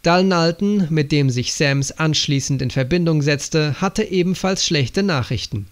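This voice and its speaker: Mann mit etwas hellerer Stimme liest vor. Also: male voice, on the high side, measured pace. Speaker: audiobook reader. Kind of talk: audiobook narration.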